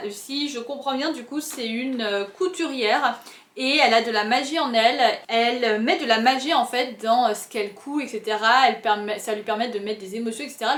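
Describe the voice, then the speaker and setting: A woman's voice: high voice, fairly bright tone, echoey room. A young woman giving casual, rambling book recommendations for her channel, with a chatty, self-mocking manner. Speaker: book vlogger.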